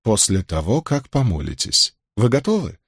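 A man reading an audiobook, voicing a calm young clerk who questions in a measured, quietly insistent way. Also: on the low side, vocal fry, breathy edge, dry recording, clean studio sound, exaggerated voice. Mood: probing.

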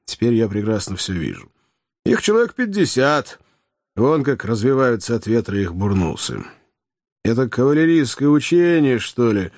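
A man reading as an excitable hunter, lively and urgent. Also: mid-range voice, moderate pace, no room sound, clean studio sound. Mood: watchful. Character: excitable male hunter, keen-eyed. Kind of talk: audiobook character reading.

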